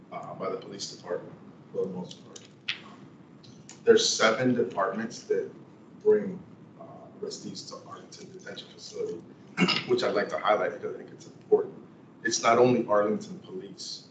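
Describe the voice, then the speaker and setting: A sheriff answering questions at a public meeting, methodically laying out his points one by one. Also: low-pitched. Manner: methodical, lists points in order. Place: council meeting room. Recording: echoey room, distant mic, noisy.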